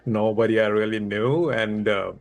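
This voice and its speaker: A man from India, a native Hindi speaker with a fairly low voice, appears as a guest in a conversational interview. He's a public speaking coach who talks at a normal speed in a steady tone, coming across as candid and reflective and quick to laugh.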